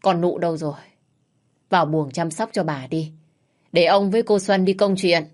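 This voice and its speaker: A woman's voice: lowish voice, moderate pace, a little mellow, natural voice. A woman voicing a stern older landowner father who barks orders. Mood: commanding. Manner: gruff, commanding.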